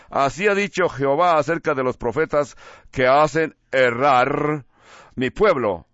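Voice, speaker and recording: A man's voice: on the high side, fairly bright tone, no room sound, highs cut off. A man preaching a sermon, reading verses and mimicking what people say in mocking voices. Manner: slow, emphatic preaching with mocking voiced quotes.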